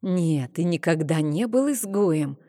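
A woman's voice: lowish voice, big-room sound. Woman voicing a stern, serene temple priestess. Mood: stern calm. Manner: slow, calm, stern.

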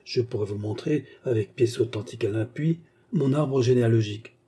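A man's voice: medium pitch, fairly quick, dark tone, husky, natural voice. A man voicing a phlegmatic English baronet, speaking in a polished, formal and courteous way. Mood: suave.

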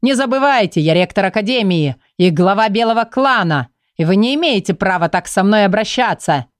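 A woman voicing a hateful old male shapeshifter villain, drawing out slow threats and breaking into shrill shrieks. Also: animated, no room sound, clean studio sound, natural voice. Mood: threatening.

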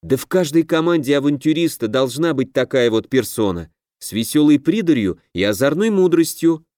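A man's voice: on the high side, moderate pace, dry recording, studio quality, lightly acted. A man doing a feisty young woman. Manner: snappy, lively. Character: feisty young woman, quick-tempered adventurer.

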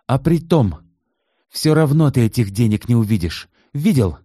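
Guy doing a bitter jealous wife, ranty and high, lively swings. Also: moderate pace, no echo, clean studio sound. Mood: bitter ranting. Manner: scornful, ranting.

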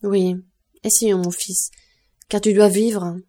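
A grieving noble mother, resigned and dignified, speaking softly and with sorrow, as a woman reads her. Her voice is mellow and warm. It belongs to a spoken audiobook. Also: medium pitch, little pitch movement, slow, close to an everyday voice. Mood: sorrowful. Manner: soft, sorrowful, quiet. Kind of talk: audiobook character reading.

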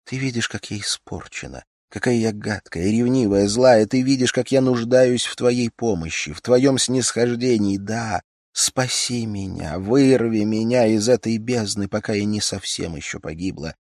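A man's voice: normal speed, no echo, studio quality, natural voice. A man reading an audiobook, voicing a young, passionate and nervous noblewoman who pleads dramatically. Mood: pleading. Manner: dramatic, pleading, high-strung.

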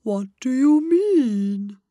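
Storybook: a woman voicing a drowsy, curt male caterpillar, slow and commanding, dry close mic. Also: medium pitch, sing-song, darkish tone, no room sound, pitched above the performer's own voice. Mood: drowsy, demanding. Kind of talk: storybook reading.

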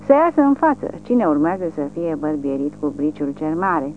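A woman voicing a young, sadistic male military police lieutenant who barks cruel orders and sneering taunts in a shrill, childish screech. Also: very animated, soft background music. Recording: tinny lo-fi with faint hum.

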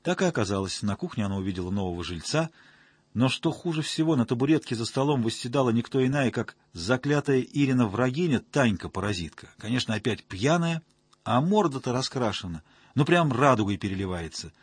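Man narrating an audiobook, husky lively voice. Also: medium pitch, fairly quick, no room sound. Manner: wry, colloquial storytelling.

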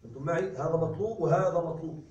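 A man teaching grammar in a classroom lecture, slowing down to stress examples and often asking if students follow. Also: a little high, mellow, lo-fi sound. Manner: slow emphatic dictation of examples, checking understanding. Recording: echoey room recorded from a distance.

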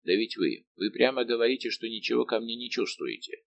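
A man's voice: mid-range voice, fairly quick, vocal fry, muffled recording, a little hiss or hum, lightly acted. A man voicing a tormented, lovesick young king in an audiobook, pleading and anguished.

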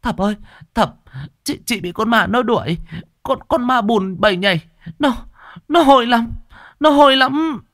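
A man doing a shrill, panicky village woman. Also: lively intonation, normal speed, fairly bright tone, dry recording, clean studio sound. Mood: terrified. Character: coarse, hot-tempered village woman, shrieking in terror.

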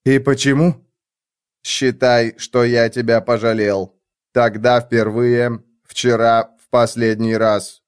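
Audiobook figure: male reader doing a dispassionate overseer, unhurried, detached delivery. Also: mid-range voice, clear, resonant tone, lightly acted. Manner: flat, unhurried, emotionless. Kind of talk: audiobook character voice.

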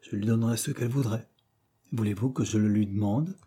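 A man doing a kindly, thoughtful gentleman. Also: medium pitch, moderate pace, breathy edge. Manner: gentle, half-serious.

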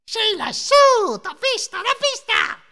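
Un uomo che fa una strega vecchia e stridula. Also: male voice, extremely high pitch, sing-song, measured pace, sharp tone, in a large hall, voice pushed up, exaggerated voice. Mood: jeering. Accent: Italian. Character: shrieking old female witch, spiteful and mocking.

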